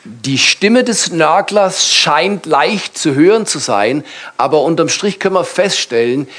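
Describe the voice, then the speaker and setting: A male pastor guiding a church panel in an even, mid-pitched voice. He speaks calmly and encouragingly, turning the discussion into sermon-style exhortation for the congregation.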